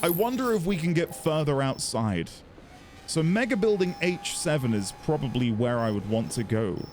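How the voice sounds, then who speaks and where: A man's voice: a little high, very animated, normal speed, darkish tone. A man giving casual, musing gameplay commentary as a let's play host, chatty and prone to mild swearing. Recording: game music behind the voice.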